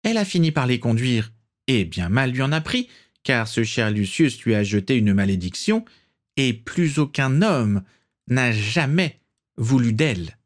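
A man puts on an old aristocratic witch who speaks from well above his own voice, imperious and condescending. Her lines swoop and rise with lively disdain in this audiobook reading. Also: mid-range voice, measured pace, pitched above the performer's own voice. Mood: haughty.

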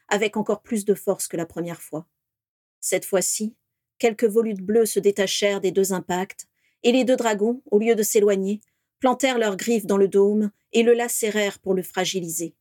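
A woman narrating a fantasy story in a steady, expressive reading voice. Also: mid-range voice, no echo, clean studio sound. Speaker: audiobook narrator. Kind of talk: scripted narration.

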